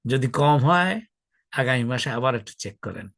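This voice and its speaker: A man's voice: medium pitch, lively intonation, moderate pace, gravelly, a bit bright, no echo. A middle-aged man gives a religious talk to an audience, chatty, asking them questions and drawing out key words. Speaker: Islamic lecturer.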